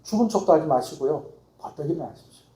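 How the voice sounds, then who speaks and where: Casting note: middle-aged male pastor, lively swinging pitch, mellow tone, echoey church hall. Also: fast. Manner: emphatic preaching, acts out dialogue. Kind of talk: sermon. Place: church sanctuary.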